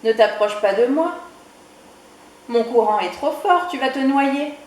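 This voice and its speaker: A woman voicing a calm, protective talking river in a children's storybook reading, in a steady warning tone. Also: sits high, a little slow. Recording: echoey room.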